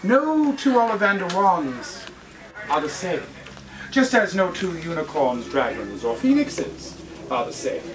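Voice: medium pitch, sing-song, crowd noise. A grand, mysterious wizard wandmaker. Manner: theatrical, drawn-out dramatic pauses, audience-addressing. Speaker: live show performer. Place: live venue with an audience. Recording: distant live recording with loud room noise.

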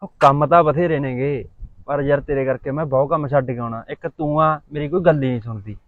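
Guy playing lovesick village lad, quick pleading talk, sounds thru a phone, dry. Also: on the high side, dry recording, narrow, tinny audio, close to an everyday voice. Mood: pushy pleading. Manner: mournful and pleading, dropping his voice. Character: young village man lovesick for a girl.

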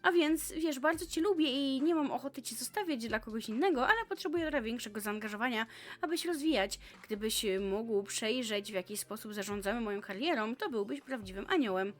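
Vain scheming schoolgirl singer, voiced by a woman reading a visual novel, scornful and haughty, animated delivery. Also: a little high, a little fast, natural voice. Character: scheming vain teen pop singer girl.

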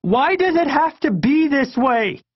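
A man's voice: a little high, normal speed, vocal fry, slightly rough, no room sound, pitched above the performer's own voice. A man reading an audiobook, voicing an angry, tearful young boy who pleads and demands. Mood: angry, crying. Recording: dull lo-fi audiobook recording.

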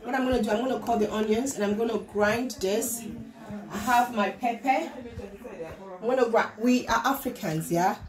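A woman's voice: a little high, moderate pace. A middle-aged woman from Nigeria shows how she cooks at home, walking through each step and asking if everyone understands. She talks into a phone camera in her kitchen. The room rings with echo, and children chatter around her. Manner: chatty, explains step by step, often checks in with "do you understand?". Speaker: home cook vlogger. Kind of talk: casual cooking demonstration.

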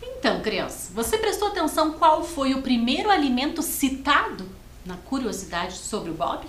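Slow, lively woman teacher, echoey room. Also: high voice, a little hiss or hum. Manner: slow, sing-song, syllable-by-syllable teaching voice. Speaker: first-grade teacher. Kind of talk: televised classroom lesson. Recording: echoey studio with faint ambience.

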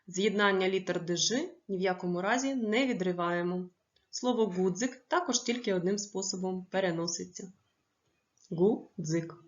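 A woman teaching a primary school lesson, stressing each word slowly and clearly for young pupils. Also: mid-range voice, highs cut off. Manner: slow, clearly stressed dictation of words.

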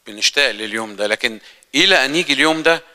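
An Egyptian man preaches to his congregation in a very bright, ringing voice with a smooth, crisp tone. His delivery is earnest and conversational, full of questions aimed at his listeners. Long reverb from the church hall trails behind his words. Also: medium pitch, expressive, very fast. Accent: Egyptian Arabic. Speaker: lay preacher. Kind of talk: sermon.

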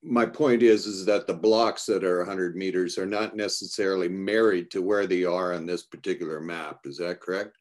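An older man, a city councillor, asking deliberate probing questions on a video call. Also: sits low, steady tone. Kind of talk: formal meeting questions.

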